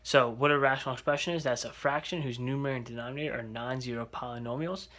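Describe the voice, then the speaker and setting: Bright-voiced male math teacher. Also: medium pitch, steady tone, fast talker. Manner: patient step-by-step explaining, asks rhetorical checks. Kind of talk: recorded algebra lesson.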